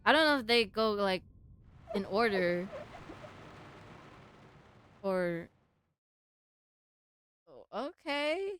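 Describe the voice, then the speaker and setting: A woman's voice: mid-range voice, animated, drawn-out words, long pauses, fairly bright tone, faint music behind. A woman streaming a game, reading its text aloud and reacting casually.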